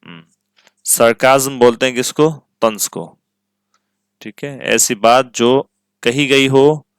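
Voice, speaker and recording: Slow, deliberate male teacher. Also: medium pitch, clear, resonant tone, no echo. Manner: slow, repeats each word and meaning; asks "ठीक है?" to check understanding. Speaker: English teacher. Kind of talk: vocabulary lesson with translations.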